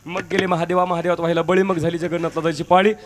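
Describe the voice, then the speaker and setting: A man's voice: a little high, flat delivery, very fast, pitched above the performer's own voice, natural voice. A man performing a cheeky newly married village bride in folk devotional theatre, reciting rhyming verses in a teasing sing-song manner. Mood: playful.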